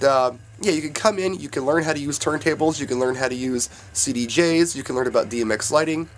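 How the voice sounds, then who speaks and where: A man, a DJ hosting his own video channel, announcing upcoming events to his viewers in an upbeat way while reading dates and addresses from notes. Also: on the high side. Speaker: DJ and YouTube host announcing events.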